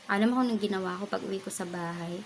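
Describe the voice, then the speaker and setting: A woman from the Philippines telling a personal story on her vlog, speaking softly with frequent pauses and fillers. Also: mid-range voice, a little hiss or hum, rough recording. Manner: soft-spoken, pauses often with fillers. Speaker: vlogger. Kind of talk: casual personal testimony.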